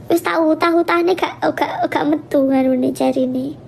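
Javanese girl live streaming, super high voice, chatty, tells stories with laughs. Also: measured pace, gravelly, a little hiss or hum. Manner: chatty, storytelling, animated with laughs. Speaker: livestream host. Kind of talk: casual livestream chat.

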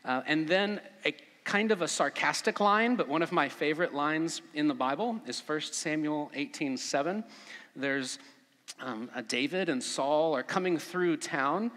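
A man preaching a conversational sermon as pastor at a pulpit microphone, relaxed, with frequent fillers. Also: on the high side, measured pace. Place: church sanctuary. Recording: long church reverb.

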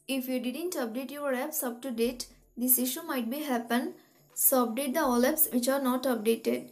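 A woman hosting a tutorial, reading step-by-step instructions in an even, methodical way. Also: high-pitched, moderate pace, faint music behind. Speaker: tutorial host. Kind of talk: scripted step-by-step tech tutorial.

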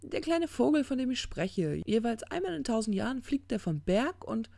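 A reader raises the voice to play a smug, tipsy demon who rambles and trips over his own words. The tone is gravelly and dark, and the recording is dry and close. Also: mid-range voice, very animated, no room sound, pitched above the performer's own voice. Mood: insistent. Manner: slurred, halting drunken ramble. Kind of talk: audiobook character reading.

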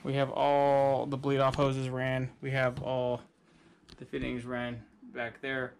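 A man's voice: mid-range voice, monotone, slow, a little hiss or hum. Easygoing man talking through a boat build. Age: adult, father of a son. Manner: easygoing, practical, talks through each step. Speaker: boat-building channel host. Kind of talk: casual how-to narration while working. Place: outdoor driveway workshop beside a boat.

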